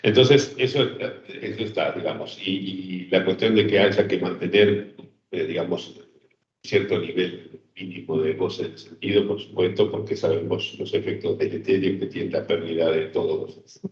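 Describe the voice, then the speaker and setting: A man's voice: sits low, fairly even intonation, normal speed. Thoughtful man lecturing online. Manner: thoughtful, hesitant, many fillers and checks with listeners. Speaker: psychoanalysis seminar teacher. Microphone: video call. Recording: roomy, dull online call audio.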